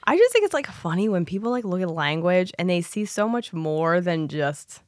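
Low-pitched woman, podcast co-host, casual explainer, informal rambling, dry recording. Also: very animated, normal speed, no room sound. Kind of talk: casual explanatory chat, some reading aloud.

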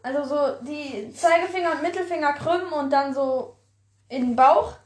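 A woman's voice: sits high, moderate pace. A woman casually chatting and setting game rules on a podcast, giggly and bossy, on a handheld mic. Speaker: podcast co-host. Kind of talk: casual chat playing games. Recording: echoey room.

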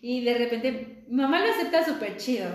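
A young Mexican woman chatting casually as a podcast guest, relaxed and slangy, telling anecdotes with a laugh. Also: fairly high pitch, a little fast. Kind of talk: casual chat. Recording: very echoey room with faint noise.

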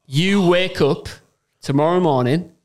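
A man co-hosting a casual gaming podcast, excitable and quick to shout in disbelief. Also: fairly high pitch. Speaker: podcast co-host. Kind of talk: casual chat.

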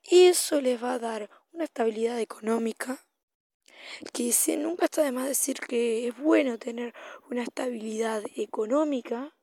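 A woman from Latin America presents a solo podcast in a fairly high, mellow voice. She speaks off the cuff, hesitating and correcting herself as she explains. The sound is very dry, with no room echo. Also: moderate pace. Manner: improvised, hesitant, self-correcting delivery. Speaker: podcast host. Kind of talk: informal solo podcast commentary.

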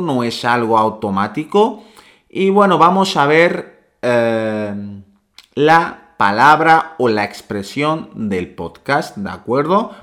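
A man's voice: medium pitch, fairly bright tone. A man, hosting a language lesson podcast and patiently repeating sounds for learners. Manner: slow, patient, drills sounds by repeating them. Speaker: Arabic teacher, podcast host.

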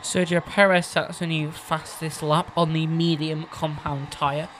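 A man's voice: on the high side, little pitch movement, measured pace, fairly bright tone, a little hiss or hum. A man giving casual, amateur-style motorsport commentary as a co-commentator.

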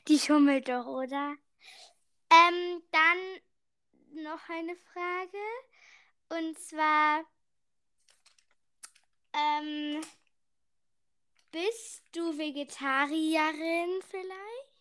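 A woman's voice: sits high, steady tone, very slow, long pauses, sharp tone. A woman in casual, playful chat, asking questions as a partner in a challenge.

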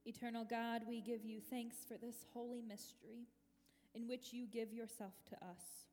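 A woman pastor leading prayer and a closing blessing in a large church, her measured, solemn voice carried by a cathedral echo. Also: on the high side, little pitch movement, darkish tone. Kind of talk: liturgical prayer and service announcements. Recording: long cathedral reverb in a big church.

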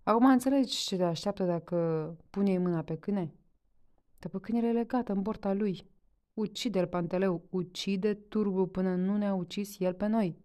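A woman reading a story aloud voices a sharp-tongued peasant wife scolding her husband. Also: medium pitch, voice pushed up, lightly acted. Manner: scolding, urgent.

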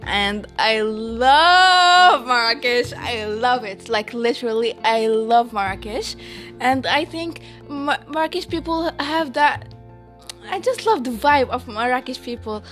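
A young woman from Morocco talks slowly in a relaxed podcast chat, her voice sitting fairly high. She laughs easily and fills her pauses with "uh" and "um". Soft music plays faintly behind her. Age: late teens. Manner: slow, giggly, many fillers and restarts. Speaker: podcast co-host. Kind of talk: casual chat.

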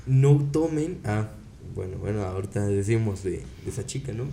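A man's voice: lowish voice, lively intonation, moderate pace, vocal fry, crowd noise. A young man with a Mexican accent, co-hosting a casual comedic chat and telling rambling jokey stories. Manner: joking, rambling storyteller. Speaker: co-host.

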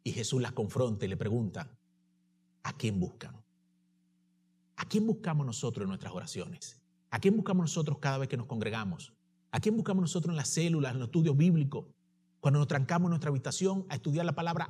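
Husky-voiced impassioned male preacher. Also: medium pitch, expressive, fairly quick. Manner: impassioned preaching that drops to soft, tender delivery. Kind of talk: sermon.

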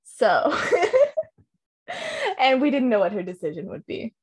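A woman's voice: a little high, huge pitch swings, slow, slightly rough. A woman hosting a casual podcast chat about hockey news, talking chattily with lots of fillers and laughs. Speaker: podcast host.

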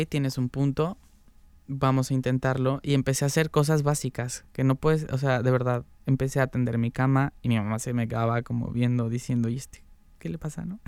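A man's voice: medium pitch, smooth, no room sound. Candid young Mexican man telling his story. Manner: candid and animated, laughs often, Mexican slang. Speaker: interview guest. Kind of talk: casual personal storytelling.

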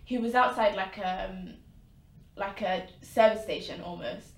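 A woman, co-hosting a podcast and retelling a story in an animated way with quoted voices. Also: medium pitch, unhurried, far from the mic. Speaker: podcast co-host. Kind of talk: casual chat, storytelling. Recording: echoey room.

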